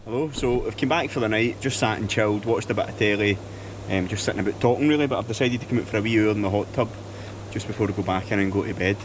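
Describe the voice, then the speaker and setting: Against a noisy background, a travel vlogger from Scotland walks around a lodge and the lochside, his lowish voice moving at a quick pace. He chats casually and keenly in a Scottish accent, heavy on local slang.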